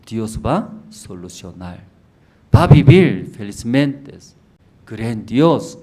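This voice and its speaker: A man's voice: lowish voice, big pitch swings, takes it slowly, mellow. A man pastor preaching a sermon in a church, telling a story in simple words and asking the congregation rhetorical questions.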